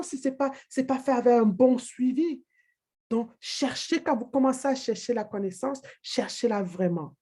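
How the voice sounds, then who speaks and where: A woman's voice: sits high, mellow, husky. A woman giving a motivational training talk, emphatic and direct, repeating her key phrases to the listener. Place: living in England.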